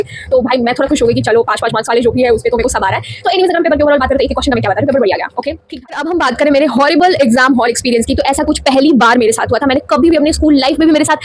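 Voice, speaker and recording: A teenage woman vlogging from India in casual chat, telling her story in an animated way and mixing in English words. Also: high voice, slight background noise. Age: teens. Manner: rapid, animated storytelling with frequent Hindi-English code-mixing.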